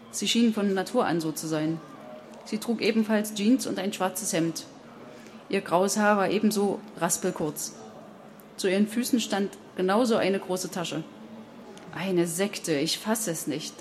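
A woman narrating an audiobook in an even, measured storytelling manner. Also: fairly low pitch. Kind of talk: audiobook reading.

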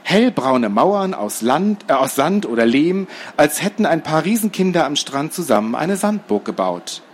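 A man reading a children's book aloud in a lively, expressive way. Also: on the high side, normal speed, a little hiss or hum. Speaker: storyteller.

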